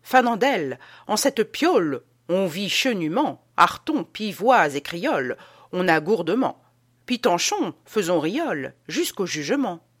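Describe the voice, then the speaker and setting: A woman's voice: fairly low pitch, sing-song, unhurried, slightly rough, heavily acted. A woman voicing a drunken, exalted man who bellows and sings at a dinner party in an audiobook reading. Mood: bellowing song. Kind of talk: audiobook character voice.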